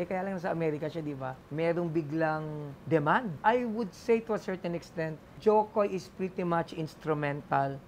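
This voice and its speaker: Filipino-accented male comedian guest, chatty and animated, light background noise. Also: a little high. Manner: animated joke-telling, mixes English into Filipino, laughs often. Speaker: lawyer and stand-up comedian guest. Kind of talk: casual interview storytelling.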